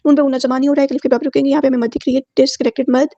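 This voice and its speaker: A woman with a high voice gives a word-by-word tajweed lesson. She chants each word in a long, slow recitation, then explains the rules in brisk, plain speech. The sound is close and dry, with a slightly dull tone. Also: level tone, dark tone, no echo. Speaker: Quran recitation teacher.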